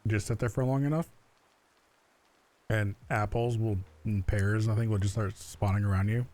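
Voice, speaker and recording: A man chatting casually as a fellow player in a survival game, explaining things in a relaxed way with filler words. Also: lowish voice, normal speed. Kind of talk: casual gaming chat.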